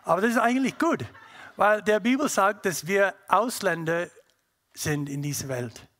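A man's voice: high-pitched, moderate pace, fairly bright tone. A middle-aged man from North America, a native English speaker with an English-speaking North American accent in German, gives a personal testimony to an audience, searching for words as he goes.

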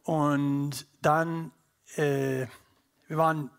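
A middle-aged North American man, a native English speaker, gives a personal testimony to an audience in German with an English-speaking North American accent, searching for words along the way. His fairly high voice is flat and clean, with drawn-out words and vocal fry.

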